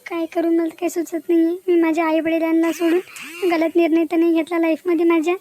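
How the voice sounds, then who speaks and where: A woman's voice: very high voice, monotone, fairly quick, dark tone, slight background noise. A woman voicing a young educated village woman in a cartoon, upset and confronting the boyfriend she ran away with. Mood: worried. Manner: pleading then demanding, confrontational. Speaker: cartoon character. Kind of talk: Marathi cartoon voice acting.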